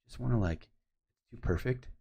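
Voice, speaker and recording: Speaking at a moderate pace, this man has a mid-range, dark voice with vocal fry and a breathy edge. As he edits photos, he spins a lengthy, wandering tale, acting out other people's lines in quoted voices and describing each edit out loud.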